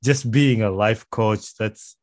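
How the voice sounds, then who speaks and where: Recorded in a small home studio with a close microphone on a boom arm, a Ugandan-accented podcast host speaks in a casual interview style. His pitch is fairly low and his pace slow, with no room sound.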